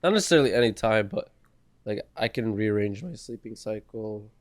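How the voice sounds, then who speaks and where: A man's voice: lowish voice, lively intonation, fairly quick. A young man co-hosting a casual podcast, laid-back and a little hesitant, often trailing off with fillers and laughing easily. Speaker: podcast co-host. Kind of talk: casual chat.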